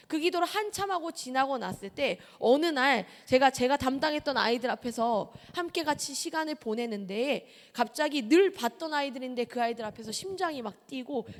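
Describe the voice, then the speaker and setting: A woman's voice: high-pitched, in a large hall. A woman pastor in her thirties preaching a sermon in a church, telling personal stories in an earnest, confessional way.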